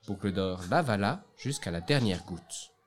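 Un homme qui lit un conte de fées à voix haute, avec des accents appuyés et traînants. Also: male voice, on the low side. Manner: expressive, drawn-out emphasis. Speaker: storyteller. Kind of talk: reading a fairy tale aloud.

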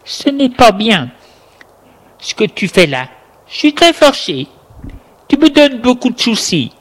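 A man's voice: sits high, wildly swooping pitch, measured pace, sharp tone, full character voice. Man voicing a stern scolding grandmother. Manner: scolding, reproachful.

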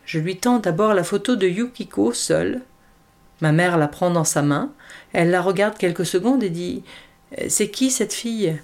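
Calm woman reading a novel. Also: fairly low pitch, moderate pace. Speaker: audiobook reader.

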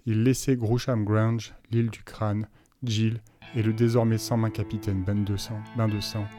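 A man narrating a novel aloud as an audiobook reader, telling the story in an even, measured way. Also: lowish voice, over music.

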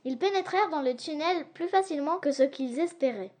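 High-voiced woman reading a storybook. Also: brisk. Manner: lively, expressive reading. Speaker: audiobook narrator. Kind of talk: storybook narration.

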